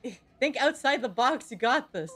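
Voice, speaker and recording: A woman's voice: high-pitched, expressive, normal speed, a bit bright, husky. A young woman streaming a game, swearing often and bantering in exasperation with her chat. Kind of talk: casual gameplay streaming.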